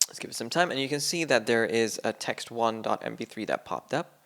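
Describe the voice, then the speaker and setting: At his computer, a man screen-records a casual coding tutorial, walking through it loosely and ramblingly with lots of filler words. His mid-range voice is fairly bright, with lively intonation and a slightly fast pace; he's a coding instructor.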